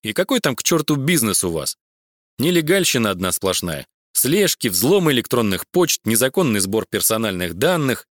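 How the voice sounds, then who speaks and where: A man voicing a gruff, scornful police officer, in a crime audiobook. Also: medium pitch, big pitch swings, moderate pace, no echo, clean studio sound, natural voice. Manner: scornful, dismissive.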